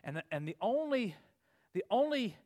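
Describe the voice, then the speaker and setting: Forties male preacher, high-pitched, earnest, builds to emphatic peaks. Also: sing-song, a little slow, a little mellow. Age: 40s. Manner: earnest, rising to emphatic peaks then dropping low. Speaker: pastor. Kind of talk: sermon.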